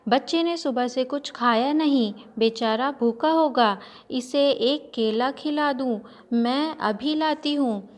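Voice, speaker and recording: A woman's voice: sits high, slow, few pauses. A woman voicing a fussy neighbour woman who is eager to help. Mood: fussing.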